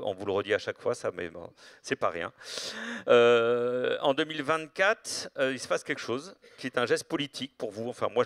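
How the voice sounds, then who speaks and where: A man with a fairly low, gravelly edge to his voice hosts a literary interview. He is hesitant and meandering, pausing often, and sounds close and dry. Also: dry recording. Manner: hesitant, meandering, with many filled pauses. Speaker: interviewer, event host.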